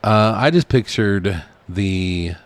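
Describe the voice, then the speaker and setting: A man with a lowish voice speaks slowly, co-hosting a podcast and chatting casually about movies. He chuckles often and swears freely.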